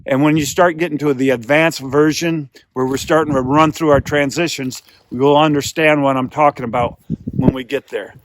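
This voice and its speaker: A man's voice: fairly high pitch, fairly even intonation, moderate pace, rough recording. A man giving a hands-on beginner tutorial as a calling instructor, explaining patiently and repeating himself as he demonstrates.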